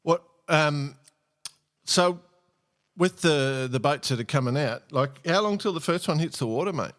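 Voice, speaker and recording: A man's voice: fairly high pitch, a little slow, a bit bright. A man hosting a casual podcast chat in a blokey, matey way. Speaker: podcast host.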